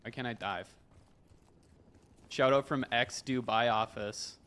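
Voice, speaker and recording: A man's voice: mid-range voice, slow, fairly bright tone. A man streaming a game, chatting casually and rambling with lots of filler words. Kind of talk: casual gaming commentary. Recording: game gunfire in the background. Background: game gunfire.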